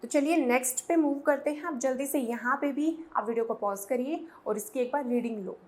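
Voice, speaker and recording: A woman's voice: high-pitched, brisk, a little mellow. A woman teaching English idioms to Hindi speakers, mixing Hindi and English and patiently spelling words out letter by letter. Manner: switches between Hindi and English. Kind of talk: Hindi-English language lesson.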